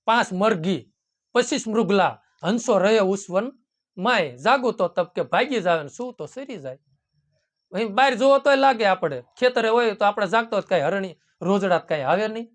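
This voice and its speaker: Speaking expressively at a moderate pace, this high-voiced satsang preacher gives a devotional sermon in a folksy manner. He often addresses the audience as "bapu" and "ram" and quotes lines from hymns.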